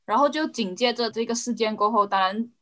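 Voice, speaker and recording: A woman's voice: a little high, a little fast, fairly bright tone. A woman in a casual discussion, searching for words and dropping English into her Mandarin. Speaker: podcast co-host.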